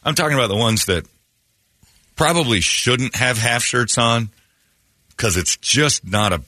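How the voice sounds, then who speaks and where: A man's voice: medium pitch, animated, measured pace, bright, forceful tone, no echo. A man hosting a radio talk show, giving blunt, opinionated rants in casual studio chat.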